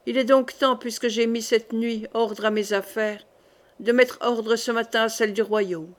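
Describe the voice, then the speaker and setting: A woman's voice: on the high side, fairly even intonation, measured pace, lightly acted. A woman reading the part of a dying young king, grave, solemn and commanding.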